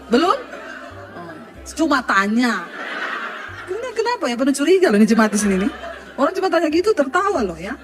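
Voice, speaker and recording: A woman's voice: high voice, very animated, a little fast, long pauses, over music, a crowd in the background. A woman pastor giving a sermon before a live congregation, telling a personal story, joking, laughing and often speaking straight to her listeners.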